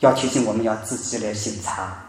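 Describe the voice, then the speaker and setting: A man preaching a sermon, telling a story with emphatic rises and soft drops in his voice. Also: fairly low pitch, a little fast, a little hiss or hum. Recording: very echoey room.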